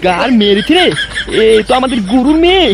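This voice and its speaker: A man's voice: very high voice, big pitch swings, fairly quick, background noise. A man doing a stammering scared cartoon henchman. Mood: alarmed. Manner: stammering, fearful, pleading. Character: panicky male gang henchman. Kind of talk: comic cartoon dubbing. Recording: voice over loud music.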